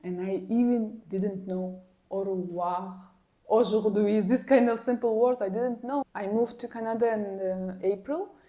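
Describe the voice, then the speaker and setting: Speaking slowly, with a medium-pitched voice, a woman who learned Kyrgyz as her first language tells casual personal stories to her camera. She's a language vlogger, and her manner is lively and exasperated, with words repeated to drive points home.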